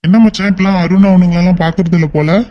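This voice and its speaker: Guy voicing a worried cartoon friend, fast and high pitched. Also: flat delivery, muffled recording, natural voice. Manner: anxious, questioning. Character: worried young man friend. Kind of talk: cartoon voice acting.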